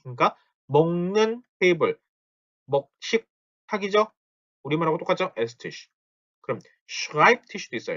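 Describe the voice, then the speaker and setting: A man teaching German grammar in a recorded lecture, explaining step by step and slowly repeating words to show pronunciation. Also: medium pitch, a bit bright, dull audio.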